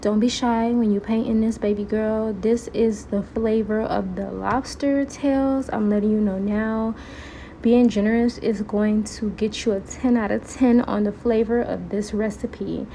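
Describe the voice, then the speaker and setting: A woman's voice: medium pitch, fairly even intonation, unhurried, warm tone, slight background noise. A woman hosting a cooking video, giving casual recipe narration with playful asides to the viewers. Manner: chatty, talks straight to viewers with playful asides. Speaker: recipe vlogger.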